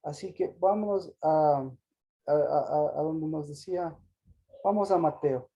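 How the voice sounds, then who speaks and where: A man teaching an interactive Bible study on a video call, pausing and repeating words as he asks questions. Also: a little high, warm tone.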